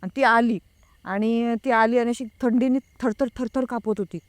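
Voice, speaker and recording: A woman tells a first-person story in a smooth, clear voice with a dry, close sound. She talks casually, often stops to search her memory and acts out other people's words as she goes. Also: on the high side, fairly even intonation, no echo. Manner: hesitant, pauses often to recall details; reenacts a friend's frightened words. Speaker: guest recounting a personal experience.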